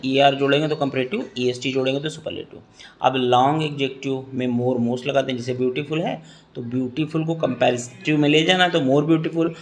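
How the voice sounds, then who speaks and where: A man in his thirties with a Hindi accent, teaching an English grammar lesson to students. He is patient, repeats key points and checks in with the class often. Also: mid-range voice.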